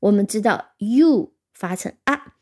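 A woman's voice: mid-range voice, lively intonation, measured pace. A woman teaching English vocabulary, patiently explaining step by step and spelling words out letter by letter. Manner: explains step by step with soft fillers. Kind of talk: vocabulary lesson.

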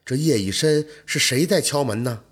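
A man's voice: mid-range voice, moderate pace, husky, close to an everyday voice. A man voicing a prim young scholar. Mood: wary. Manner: prim, earnest and firm. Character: stiff upright young male scholar. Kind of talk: storytelling role voice.

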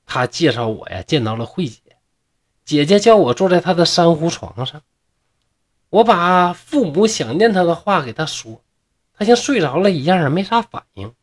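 An earnest little boy in a spoken ghost story, told in a man's own voice, relaying messages plainly. The delivery swings widely in pitch. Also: very animated, moderate pace.

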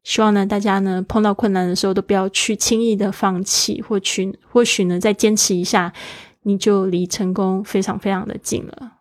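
A woman's voice: mid-range voice, fairly even intonation, moderate pace, no echo, studio quality. A woman teaching a daily English lesson, spelling words letter by letter in an encouraging way.

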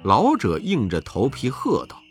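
A narrator telling a children's storybook with an expressive delivery. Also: mid-range voice, a little slow, breathy edge, soft background music.

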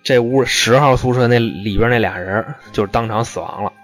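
A man's voice: medium pitch, a little fast, faint music behind. A man telling a true-crime story in a casual, slangy, profane way.

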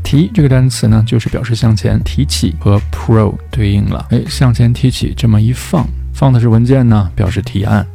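Gravelly-voiced man teaching English pronunciation. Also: mid-range voice, mellow, faint music behind. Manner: patient, explains step by step and demonstrates English words slowly. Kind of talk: explanatory lesson.

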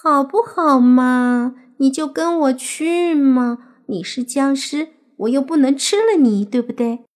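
Actress as a high-voiced, coaxing fox-spirit girl, teenage, sweetly whiny, for an audiobook. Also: expressive, normal speed. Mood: wheedling. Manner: whiny wheedling, cute pleading. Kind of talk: audiobook character acting.

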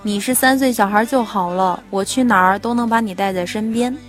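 A woman voicing a quiet, gentle young boyfriend in a read-aloud story, speaking softly and tenderly in her own voice. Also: medium pitch, brisk, faint music behind, close to an everyday voice. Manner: soft, tender.

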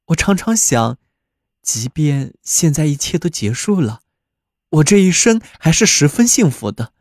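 A man's voice: fairly high pitch, a little mellow, no room sound, studio quality. A man voicing a young hunter about to marry, speaking earnestly and from the heart. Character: young male hunter, happy and devoted groom.

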